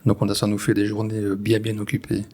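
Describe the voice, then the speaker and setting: A man in his forties with a Belgian French accent, a farmer explaining his work in an interview, pausing and restarting often. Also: lowish voice, monotone, warm tone. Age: 40s. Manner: hesitant, many restarts and fillers. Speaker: farmer, guest. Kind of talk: conversational interview.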